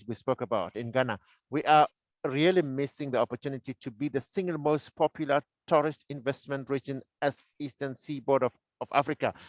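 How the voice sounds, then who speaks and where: A man's voice: mid-range voice, no echo, lo-fi sound. A man hosting a webinar panel who politely keeps track of time and invites the panelists to respond. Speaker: host.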